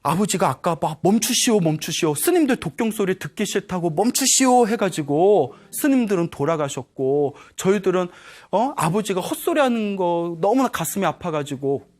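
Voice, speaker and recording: A man's voice: high voice, expressive, moderate pace, hardly any pauses, a little mellow. A man voicing the grown children of a dying father, pleading in a tearful way.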